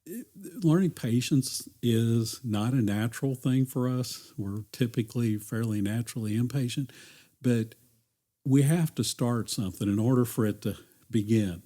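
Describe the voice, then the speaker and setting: A man's voice: mid-range voice, normal speed, mellow. A man working as a church counselor, talking earnestly and reflectively on a podcast, often restarting his phrases. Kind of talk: conversational podcast talk.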